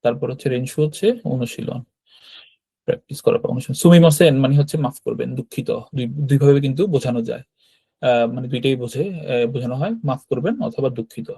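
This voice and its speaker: Male language teacher, fast delivery, mellow dark tone, repetitive explanatory style. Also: medium pitch, fairly even intonation, slightly rough. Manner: explanatory, repeats words, frequent fillers and "right?" checks. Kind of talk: online class lesson explaining vocabulary.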